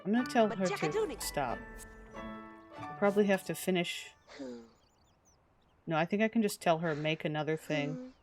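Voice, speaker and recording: A woman's voice: medium pitch, animated, moderate pace, pauses often, soft background music. A woman live-streaming a life-simulation game, chatting casually to viewers and to the characters on screen. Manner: chatty, talks to game characters, giggly asides. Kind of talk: casual live gameplay commentary.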